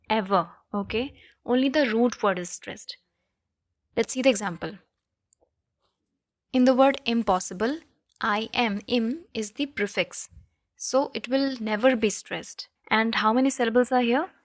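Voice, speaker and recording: A woman's voice: on the high side, no echo, studio quality. A woman teaching a lesson and checking in with listeners with frequent "okay?" and "right?". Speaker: literature teacher. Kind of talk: explanatory lesson.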